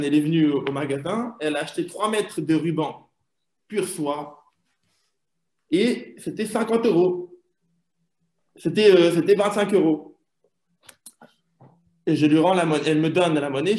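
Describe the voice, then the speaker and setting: A man's voice: on the high side, darkish tone, natural voice. A young man voicing a sly, lecturing shopkeeper father in a joke. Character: scheming middle-aged male shopkeeper father. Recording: echoey room sound.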